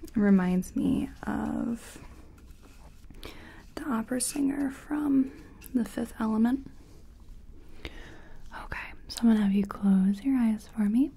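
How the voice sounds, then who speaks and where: In an ASMR personal attention role-play, a woman plays a friendly, self-taught makeup competition contestant, her voice a little high and exaggerated. She whispers breathily and mellowly, unhurried, gentle and chatty, softly reassuring as she works.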